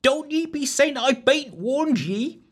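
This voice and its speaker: A man puts on a high falsetto to play a nervous young barmaid who has a burr and rustic speech. Fearful, she frets with her voice swooping up and down, yet speaks slowly and carefully. The whole delivery is expressive and exaggerated.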